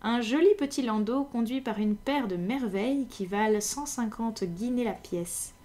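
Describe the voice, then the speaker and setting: A woman's voice: a little high, moderate pace, dark tone, close to an everyday voice. A woman reading as a dry, self-assured detective. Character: sharp, self-assured male detective, middle-aged.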